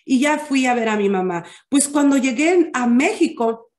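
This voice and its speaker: A woman teaching a Bible study, deliberate and often checking in with her listeners. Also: high voice, animated, darkish tone. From Mexico. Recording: echoey room.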